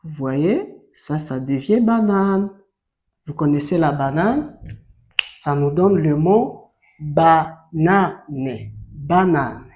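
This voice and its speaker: A language teacher running a syllable-reading lesson at an extremely unhurried pace, drawing out each sound. The teacher quizzes the class often and leads repeat-after-me drills. The voice sits at an ordinary middle pitch. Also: animated, mellow. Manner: asks learners frequent questions. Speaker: French teacher.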